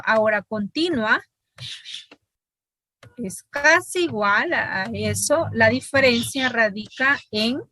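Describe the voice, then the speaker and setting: Bright-voiced woman teaching linguistics. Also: a little high, no room sound. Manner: explains step by step, often checks with "¿verdad?". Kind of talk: online class lecture.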